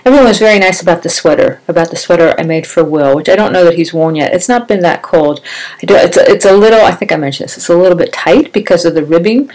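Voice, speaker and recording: A woman's voice: on the low side, fast talker, darkish tone, poor audio. A middle-aged woman chatting casually and upbeat on her solo podcast, rambling a little, her speech slightly wet and slurred from braces. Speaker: podcast host.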